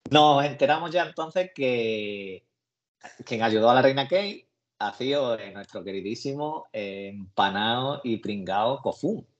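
A man's voice: medium pitch, animated, unhurried. A man with a Spain Spanish accent chatting casually as a podcast co-host, rambling through scenes in colloquial slang. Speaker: podcast co-host discussing a series. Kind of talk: casual chat. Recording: muffled lo-fi recording.

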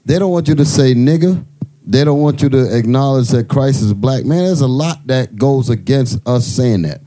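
A man acting as co-host, adding calm, agreeing remarks in casual chat. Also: medium pitch, moderate pace.

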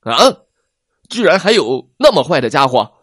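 A big, lonely T. rex who stutters and trips over his words, as a man puts him on. The voice sits a touch higher and louder than plain talk, in a dry, close recording. He sounds like a storybook dinosaur who is not used to being liked. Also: sing-song, normal speed, dry recording. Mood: nervous. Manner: stammering, hesitant. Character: big lonely male T. rex, gruff but shy, fibs nervously.

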